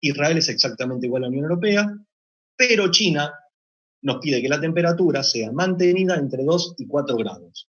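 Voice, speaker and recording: A man giving a measured technical conference presentation, explaining point by point with occasional hesitations. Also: a little high, animated, a bit bright. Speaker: meat plant deputy manager presenting. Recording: dull lo-fi recording.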